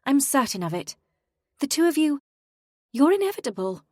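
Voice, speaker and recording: A woman's voice: sits high, big pitch swings, dry recording, studio quality, voice pushed up. A woman voicing a practical, caring young woman companion in an audiobook. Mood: gentle. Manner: brisk and decisive, then gentle. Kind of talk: audiobook character voice.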